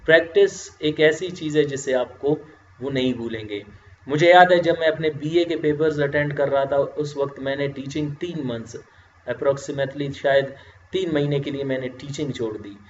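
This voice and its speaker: A man teaching English grammar in a recorded lecture, explaining slowly and answering his own questions. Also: a little high, slight background noise. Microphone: voice-over, face not on screen. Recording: roomy, dull lo-fi lecture audio.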